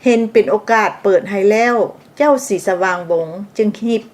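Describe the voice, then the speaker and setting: Female history narrator from Laos, middle pitch, scripted and explanatory, with asides. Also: brisk, darkish tone. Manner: explanatory, adds asides for the listener.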